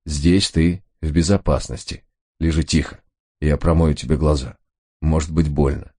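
Guy doing a low, clipped, cold dude, impatient, kinda husky. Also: steady tone, normal speed, darkish tone. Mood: curt. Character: cool-headed man tending his brother, curt.

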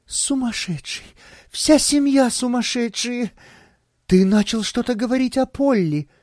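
A man voicing a flustered young male grand duke with a thin tenor in an audiobook, frantic and shrill. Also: measured pace, a little mellow, no room sound, clean studio sound. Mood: frantic whisper. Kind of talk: audiobook character voice.

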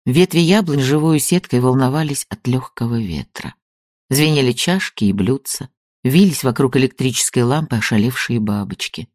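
A man narrates a literary audiobook in a calm, even reading voice. His pitch moves in a lively way through the sentences. The sound is dry and close, with no room around it. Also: normal speed, no room sound.

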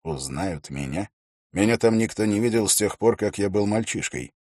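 A dry, wry old grey-bearded ranger, as a low-voiced man reads him, unhurried and gruff. The voice sits deep with a husky edge. The audiobook recording is close and dry. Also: expressive, darkish tone, dry recording.

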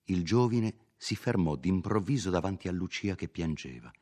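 Man reading an old novel aloud, steady and expressive, really low voice. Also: moderate pace. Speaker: audiobook narrator. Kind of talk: scripted literary narration.

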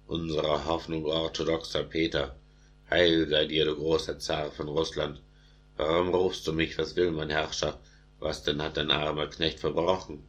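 Man reading a boastful drunken nobleman, very deep. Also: little pitch movement, normal speed, fairly bright tone, husky, exaggerated voice. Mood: humble. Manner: bragging, brash.

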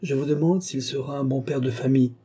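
A man's voice: mid-range voice, fairly even intonation, fairly quick, dark tone, slightly rough, close to an everyday voice. A man reading as an impatient, wry old king. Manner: ironic, exasperated questioning. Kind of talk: audiobook reading.

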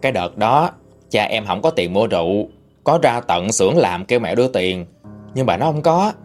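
A man narrating a first-person story in a steady recounting manner. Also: lowish voice, normal speed, faint music behind.

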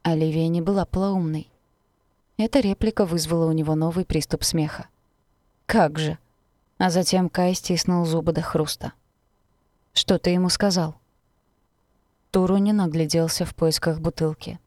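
A woman narrating a novel in the first person, in a measured, intimate way. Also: low-pitched, fairly even intonation, mellow, no echo, studio quality. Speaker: audiobook narrator.

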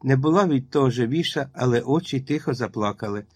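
A man's voice: mid-range voice, brisk, darkish tone, husky, dry recording. Man narrating an audiobook, dry sound. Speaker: reader.

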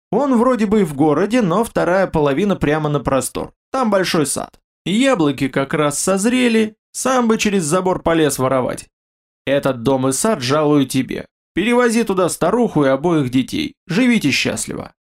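A man's voice: on the high side, lively intonation, normal speed. A man reading a story, voicing a blunt, folksy young king who speaks with easy irony. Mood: jovial. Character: gruff young male king, boastful and blunt.

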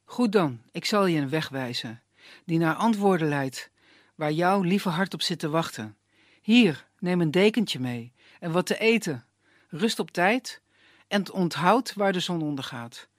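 A storyteller voicing a calm, fatherly older wood gatherer who gives directions in a puppet tale. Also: on the high side, measured pace, no echo, studio quality.

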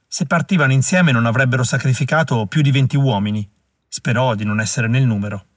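A man narrating an audiobook in a measured way, slowing down at dramatic moments. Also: medium pitch, no room sound, clean studio sound. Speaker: audiobook reader.

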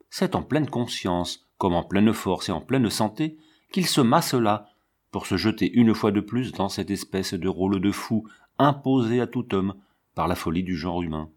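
A man reading a novel aloud as scripted narration, in a grave, measured and deliberate way. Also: on the low side, lively intonation, darkish tone. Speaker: audiobook reader.

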